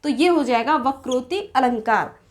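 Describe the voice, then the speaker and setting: A woman teaching a Hindi grammar lesson for exam preparation. She explains step by step, poses questions and answers them herself, and recites couplets in a sing-song cadence. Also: high-pitched. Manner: explains slowly, asks and answers her own questions.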